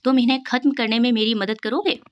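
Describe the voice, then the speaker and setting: A woman's voice: fairly high pitch, steady tone, fast talker, muffled recording, background noise, close to an everyday voice. A woman reading aloud the part of a cheerful young girl who eagerly presses food on her guest. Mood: coaxing.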